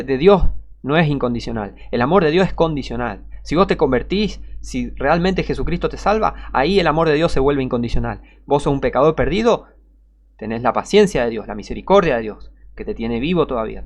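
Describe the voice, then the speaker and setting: A man preaching a fiery sermon, reading scripture and scornfully attacking his opponents, dropping to low mutters and rising to loud warnings.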